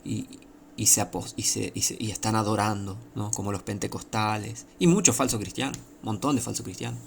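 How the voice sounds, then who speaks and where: A man with an Argentine Spanish accent preaches an informal sermon, emphatic and repetitive, firing off many rhetorical questions. His voice is lowish, gravelly and fairly quick, with slight background noise.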